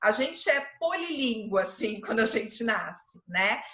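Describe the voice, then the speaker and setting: Bright-voiced woman teaching. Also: a little high, very animated, measured pace, reverberant. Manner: conversational, explains with examples and filler words. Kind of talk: informal lecture.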